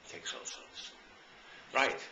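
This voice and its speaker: A British life and business coach promotes his own services in an informal, enthusiastic talk, speaking emphatically with deliberate pauses and a bright, forceful tone. He was recorded in a roomy space with noticeable echo and faint background noise.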